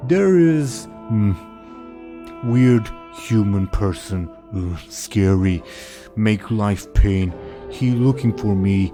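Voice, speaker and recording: A man voicing a big, dim, childlike ogre for a tabletop game, in dopey, halting broken speech. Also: fairly low pitch, lively intonation, soft background music. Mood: wary, annoyed. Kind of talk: in-character tabletop role-play.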